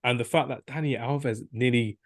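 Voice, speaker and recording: A man's voice: medium pitch, steady tone, moderate pace, no echo, studio quality. A young man co-hosting a football podcast, rambling enthusiastically and acting out quotes. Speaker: podcast co-host. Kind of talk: casual football debate.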